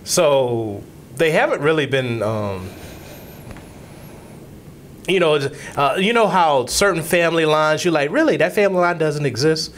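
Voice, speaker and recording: A man's voice: a little high, animated, measured pace, fairly bright tone, slight background noise. A man co-hosting a casual podcast chat, rambling and often restarting his sentences. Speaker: co-host.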